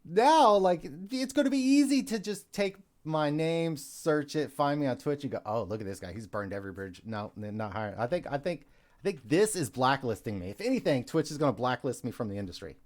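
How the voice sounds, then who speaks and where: A man's voice: on the high side, lively intonation, fairly quick, darkish tone. Forties streamer host urging his chat. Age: 40s. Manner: addresses chat directly, urging and emphatic. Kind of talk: live-stream interview. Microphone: cheap desk mic.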